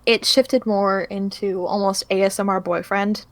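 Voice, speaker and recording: A woman's voice: medium pitch, fairly even intonation, measured pace, dry recording. A woman answering as an interviewed voice actor, chatting casually in a hesitant, thoughtful way and often correcting herself.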